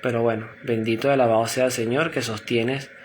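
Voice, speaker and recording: A man leading a spoken prayer and reflection, earnest and unhurried, speaking directly to God. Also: medium pitch, steady tone, a little hiss or hum. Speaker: prayer leader.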